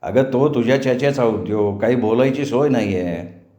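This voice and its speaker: A man voicing a young village man talking calmly with his sweetheart, for an audiobook with roomy echo. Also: mid-range voice, moderate pace, close to an everyday voice.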